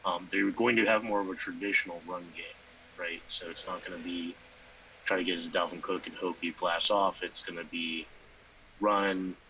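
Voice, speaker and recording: A man co-hosting a casual sports podcast, rambling with lots of fillers and sudden animated bursts. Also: deep voice, moderate pace, slight background noise, poor audio. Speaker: podcast co-host.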